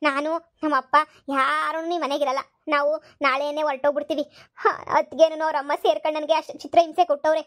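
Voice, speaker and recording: A woman's voice: high-pitched, level tone, quick pace, fairly bright tone. A woman voicing a scheming young fake daughter who pleads tearfully. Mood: complaining. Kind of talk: cartoon voice acting.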